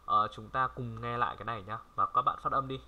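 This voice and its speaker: A man from Vietnam giving a casual language lesson, chatty and repeating words slowly for viewers to copy. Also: medium pitch, fairly even intonation, phone-quality sound. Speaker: French language tutor. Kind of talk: casual screen-recorded lesson.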